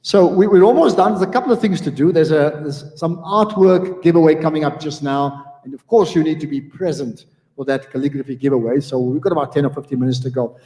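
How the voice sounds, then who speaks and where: Lively man hosting in a reverberant hall. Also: a little high, fairly quick. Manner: chatty, lively, self-interrupting. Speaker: event host. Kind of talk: live event emceeing. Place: community hall.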